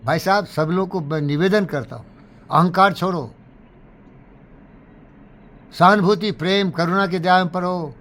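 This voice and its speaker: High-voiced man telling stories. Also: measured pace, long pauses, a bit bright. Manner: rambling, emotional, peppered with curses. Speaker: speaker recounting his life. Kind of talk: animated storytelling monologue.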